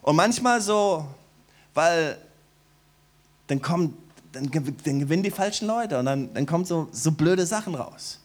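A middle-aged male pastor delivers a sermon with a slightly higher voice than most men. He sinks into quiet, low passages and then climbs to loud, emphatic calls to the congregation. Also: expressive, unhurried, long pauses. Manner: preaching to a congregation, swinging from soft and low to loud, high exclamations. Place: warm church hall.

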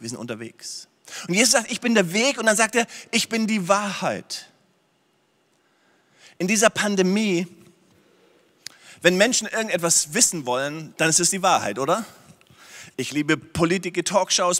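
Male pastor, sermon, emphatic repeated phrases, fairly high voice, long hall echo. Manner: emphatic, repeats phrases, swings from loud to hushed. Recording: long reverb of a large hall.

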